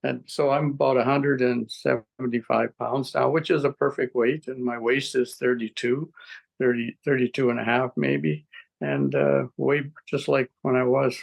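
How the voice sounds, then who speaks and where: A man in his seventies giving a rambling, halting interview testimonial, with frequent restarts and chuckles. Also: medium pitch, vocal fry, low-quality recording. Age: 70s. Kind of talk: casual interview answers.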